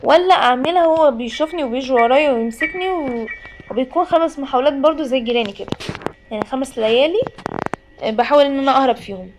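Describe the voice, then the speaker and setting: Quick high-voiced Egyptian woman gamer. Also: slight background noise. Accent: Egyptian Arabic. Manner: chatty, jokey, talks and pleads with the game. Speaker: gaming YouTuber. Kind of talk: horror game Let's Play commentary. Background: game music.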